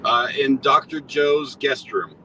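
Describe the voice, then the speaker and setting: A man's voice: mid-range voice, slow pace, pushed and bright. A man talking in a good-natured, chatty way over a hands-free speakerphone from his moving car. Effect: hands-free car speakerphone call. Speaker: guest. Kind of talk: casual chat. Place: in a moving car on a long drive. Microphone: hands-free car phone. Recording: distant speakerphone with road noise.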